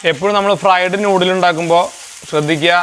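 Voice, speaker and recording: A chatty home cook and family vlogger talks fast in a fairly low, evenly pitched voice, mixing English into her Malayalam. She narrates her cooking and chats casually from her home kitchen and dining area. A little background noise can be heard.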